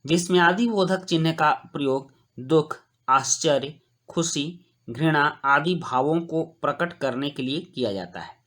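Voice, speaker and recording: Guy teaching kids grammar, kinda high voice, slow clear explaining, close mic voiceover. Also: a bit bright. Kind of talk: Hindi grammar lesson for children.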